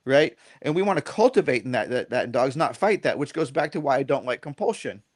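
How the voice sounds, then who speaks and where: A man's voice: medium pitch, brisk. Middle-aged guy rambling on a podcast, keeps saying right?, acts out little quotes. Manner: rambling, often checks in with "right?"; animated storyteller who acts out quotes. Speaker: dog trainer guest. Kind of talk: casual podcast conversation.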